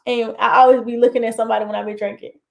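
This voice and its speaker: A woman with a high voice co-hosts a relaxed chat, animated and teasing. She turns to the viewers often and keeps the talk loose and playful. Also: racing, gravelly. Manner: animated, teasing, talks to the audience. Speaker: co-host. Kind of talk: casual chat.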